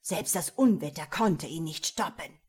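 A woman voicing a dark male magician who chants spells and answers his master deferentially. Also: sits low, animated, unhurried, breathy edge, exaggerated voice. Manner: deferential, scheming.

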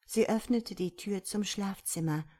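A woman narrating a sad story in a soft voice, turning hushed at emotional moments. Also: medium pitch, unhurried. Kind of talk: storybook reading.

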